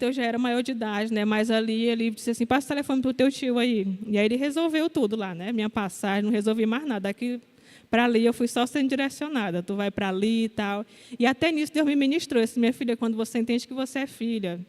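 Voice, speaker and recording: Young woman preacher, testimony style, candid and personal, higher pitch, church hall reverb. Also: a little mellow. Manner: candid storytelling, quotes herself and others. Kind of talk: sermon testimony.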